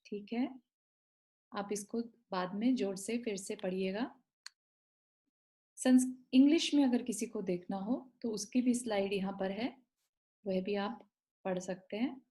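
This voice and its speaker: A woman teaching an online class, slowly sounding out each word of a devotional hymn and chanting it line by line. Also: mid-range voice, dark tone. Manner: slow, word-by-word instruction and chanting. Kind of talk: online class on pronouncing a stotra.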